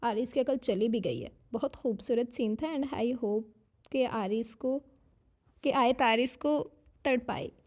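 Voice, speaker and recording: A woman's voice: on the high side, slow, darkish tone. Chatty woman with a sore throat. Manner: chatty, mixes English phrases into speech; talks while eating. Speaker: novel narrator and channel host. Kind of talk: casual chat reading viewer comments.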